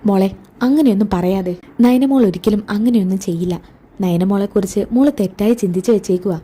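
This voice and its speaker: A woman's voice: mid-range voice, a little fast, dark tone, breathy edge, natural voice. A woman voicing a remorseful older mother-in-law who speaks tenderly. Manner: tender, pleading.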